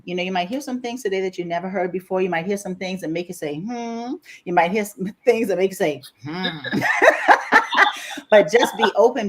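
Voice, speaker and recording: A woman with a Bahamian accent, a life coach co-hosting a podcast, talking in a lively, emphatic way and laughing often. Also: lowish voice. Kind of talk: casual podcast chat.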